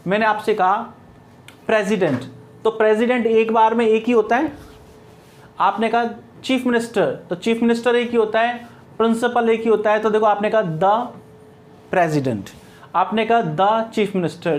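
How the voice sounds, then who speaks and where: A middle-aged man with an Indian accent teaching English grammar, explaining step by step and answering his own questions. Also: high-pitched. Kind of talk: classroom grammar lecture.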